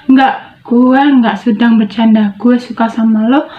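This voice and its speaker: A woman's voice: fairly high pitch, fairly even intonation, unhurried, close to an everyday voice. Woman voicing an earnest, ailing teenage boy. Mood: earnest confession. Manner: slangy Jakarta-style boy talk, earnest. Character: sincere, gravely ill teenage boy. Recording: tinny, phone-like, echoey room.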